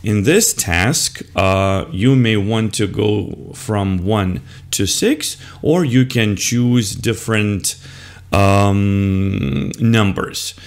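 A man's voice: on the low side, very slow. An older man, an English teacher, talks other teachers through a slide lesson step by step, modelling the words and answers as he goes. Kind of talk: screen-recorded lesson walkthrough. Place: indoors at a computer.

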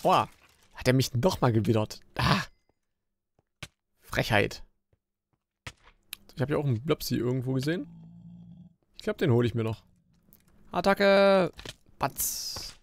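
A man giving casual gameplay commentary as a Let's Play host, chatty and grumbling, with jumpy bursts of excitement during fights. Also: mid-range voice, creaky, slight background noise. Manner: chatty, grumbling and joking at the game.

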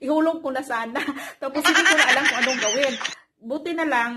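A woman, chatting to her viewers as she tells a story. She laughs often and keeps calling them guys. Loud noise runs under the recording. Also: high-pitched, fast talker. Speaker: vlogger. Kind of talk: casual storytelling.

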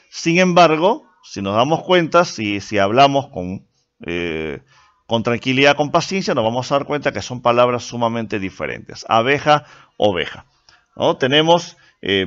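A man's voice: medium pitch, fairly bright tone. Guy explaining a lesson, patient, voice goes up and down a lot, muffled lo-fi audio. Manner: patient, explanatory, with frequent filler pauses. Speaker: teacher. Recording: dull lo-fi recording.

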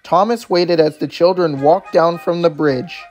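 A man narrating a children's story in a gentle, measured storybook style. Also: on the high side, soft background music.

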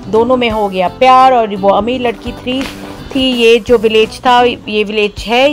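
A woman vlogging on a road trip, chatting casually and telling a local story, easily excited and mixing in English phrases. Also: a little high. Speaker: travel vlogger. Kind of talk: casual travel vlog with storytelling.

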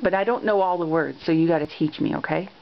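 A woman's voice: low-pitched, creaky. A woman filming a home video off camera, singing along and coaxing in a playful way. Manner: coaxing, playful, quick asides. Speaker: off-camera adult filming a child. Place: small bedroom indoors. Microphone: built-in camera mic. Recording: muffled home camera audio.

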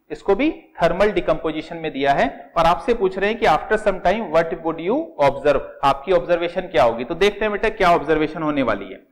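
Middle-aged Indian male teacher, higher-pitched voice, patient step-by-step lecturing, fond "beta" to students. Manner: explains step by step, asks and answers own questions, calls students "beta". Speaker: chemistry teacher. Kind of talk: classroom lecture in Hindi with English terms.

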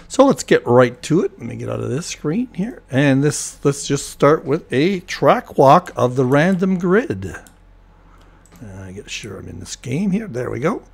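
An older man commentating a racing replay at an everyday mid pitch, his slightly hoarse voice cracking now and then as he clears his throat. He talks loosely and rambles, with plenty of ums and restarts. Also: a little slow. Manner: relaxed, rambling, many fillers and restarts. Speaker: host of a sim racing replay show. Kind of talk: casual race replay commentary.

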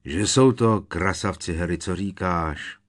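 A man voicing a big, hearty, creature-loving teacher in an audiobook. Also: low voice. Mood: proud.

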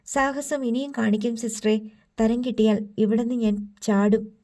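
A woman's voice: on the high side, fairly even intonation, normal speed, warm tone, natural voice. A woman reading the part of a wounded young male prisoner, bitter and defiant, in an audiobook. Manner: pleading then vowing revenge. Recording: slightly distant from mic.

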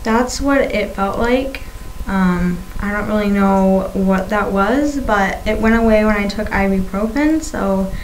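A young woman gives a casual vlog update in an unhurried way. Her words come out lisped and thick, as she works around a fresh tongue piercing. The webcam recording in a small room carries some background noise. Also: medium pitch, poor audio. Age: young adult. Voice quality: lisping, thick-tongued speech from a swollen, newly pierced tongue. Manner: halting, labored articulation. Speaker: video blogger. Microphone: webcam at arm's length. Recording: faint-to-clear noise on webcam audio.

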